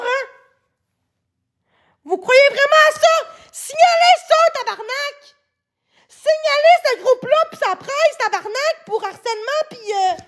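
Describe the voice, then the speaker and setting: A woman with a Québécois accent ranting on a livestream, swearing constantly and often shouting. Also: very high-pitched. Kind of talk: angry livestream rant.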